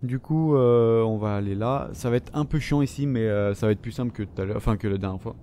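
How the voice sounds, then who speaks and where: A man's voice: on the low side, a little fast, mellow. A French man commenting on his own gameplay, swearing and reacting as he plays. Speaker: gamer. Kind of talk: let's play commentary. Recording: noisy background.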